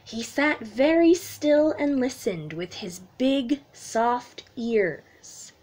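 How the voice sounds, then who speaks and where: The recording is low-quality: a woman in her thirties, a children's teacher, reads a picture book aloud to young children indoors in a small room at home. Her pitch is fairly high and she draws out her words, reading expressively and explaining things simply.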